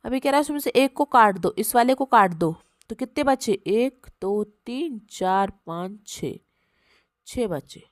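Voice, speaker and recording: A woman with a fairly high voice teaches young children basic sums. She counts aloud step by step in a patient, coaxing way. Her voice is recorded close and dry, with no room sound. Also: animated, a little slow, no room sound. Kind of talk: primary maths lesson for children.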